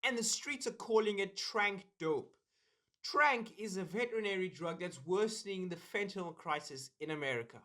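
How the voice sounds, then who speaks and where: A man hosting a commentary video, reading news snippets and breaking off for sarcastic asides. His voice sits high for a man. His delivery is wry and mocking. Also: normal speed, pushed and bright.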